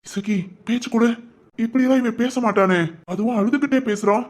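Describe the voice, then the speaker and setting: A man playing a concerned village husband who speaks in a calm, matter-of-fact way. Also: very high voice, fairly quick.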